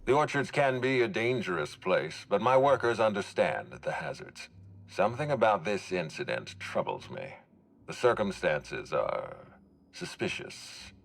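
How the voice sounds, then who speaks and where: An actor playing a measured, suspicious orchard boss with a formal, authoritative manner in a video game. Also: male voice, fairly low pitch, big pitch swings, gravelly, full character voice. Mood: grave, suspicious. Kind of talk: video game character acting.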